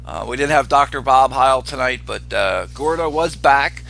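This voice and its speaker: A man casually hosting a ham radio net as its control operator, with a halting delivery full of pauses. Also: medium pitch, animated, creaky, fairly bright tone. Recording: noticeable hum and background noise.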